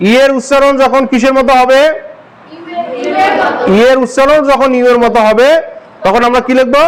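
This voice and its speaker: High-pitched man teaching a class. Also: poor audio. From Bangladesh. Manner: drills the class with repeated questions. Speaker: English teacher. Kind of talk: classroom grammar lesson.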